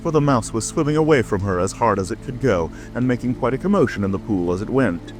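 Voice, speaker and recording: A man's voice: medium pitch, lively intonation, fast. A man narrating a scripted storybook as a dramatic audiobook reading. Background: music, rain ambience.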